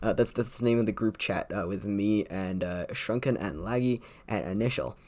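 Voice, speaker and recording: A man's voice: lowish voice, moderate pace. A young man streaming a video game, chatting casually and joking with teammates and chat. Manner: relaxed, joking, calls out plays.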